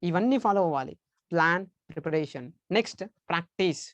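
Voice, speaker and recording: A man's voice: on the high side, animated, fairly quick, a bit bright, no room sound, muffled recording. A man giving an emphatic training lecture on public speaking, repeating key points and mixing in English terms.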